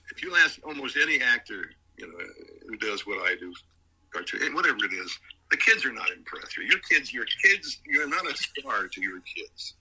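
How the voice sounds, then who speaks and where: A man's voice: lowish voice, bright, forceful tone, breathy edge, poor audio. An older man, a voice actor, chatting in an interview and telling stories, now and then slipping into character voices. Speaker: voice actor guest. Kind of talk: casual interview.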